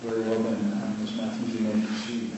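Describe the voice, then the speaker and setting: A man's voice: on the low side, monotone, brisk. A man with an American accent presiding formally as a judge over a court hearing. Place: large reverberant courtroom. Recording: echoey hall, distant mic, background noise.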